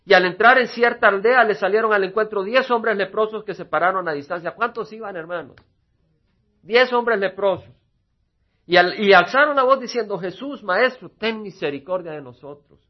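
Husky guy pastor preaching, goes loud then soft, dull lo-fi recording. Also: high voice. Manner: swings from loud emphasis to near-whispered asides; acts out little quoted dialogues. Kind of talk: sermon.

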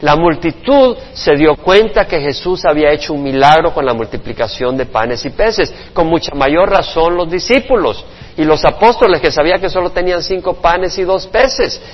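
A man preaching a sermon to his congregation, his voice a touch high and husky. He tells the story expressively, with playful sound effects, and the recording is muffled, with a long church reverb behind him. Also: animated, moderate pace. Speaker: pastor. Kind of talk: sermon Bible study.

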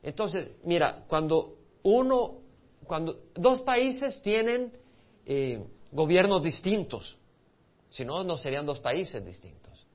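Taking it slowly, a Salvadoran pastor with a Salvadoran Spanish accent teaches a Bible study in a conversational style, asking his listeners questions and restarting words. His voice is a little high with lively intonation, captured on a dull lo-fi recording.

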